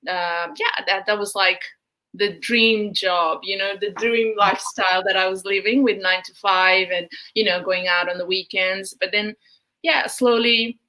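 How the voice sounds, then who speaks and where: A woman's voice: medium pitch, steady tone, unhurried, bright, forceful tone, poor audio. A woman in her thirties from Nepal, a travel blogger chatting as an interview guest, full of fillers like you know and um. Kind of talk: casual interview talk.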